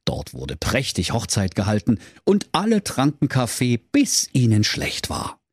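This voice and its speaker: A man's voice: medium pitch, wildly swooping pitch, measured pace, breathy edge, dry recording. A man narrating a comedic fairy tale in a mock-solemn storybook manner, on a close studio mic.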